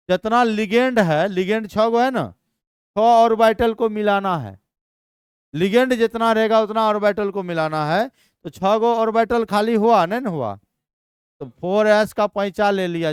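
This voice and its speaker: A man teaching chemistry in a live class, energetic and constantly quizzing his students. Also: sits high, clear, resonant tone, no room sound, clean studio sound.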